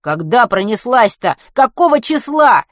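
An anxious, eager teenage schoolboy, as a woman narrator voices him. He speaks up loudly and urgently, firing off questions. Dry, close storybook recording. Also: on the low side, lively intonation, moderate pace, no echo. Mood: impatient.

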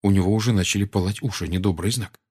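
A man narrating an audiobook in a lively storytelling manner. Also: lowish voice, quick pace, slightly rough. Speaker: audiobook reader.

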